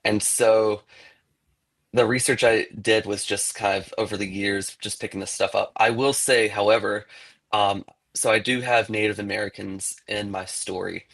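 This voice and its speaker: A man's voice: lowish voice, steady tone, moderate pace, fairly bright tone. A man, an author, talking casually in an interview about his book, rambling with many fillers.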